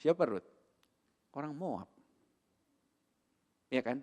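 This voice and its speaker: A man with an Indonesian accent preaching a sermon in a church, animated and full of rhetorical questions, with English words mixed in. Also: medium pitch, slow. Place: church hall. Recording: long hall reverb.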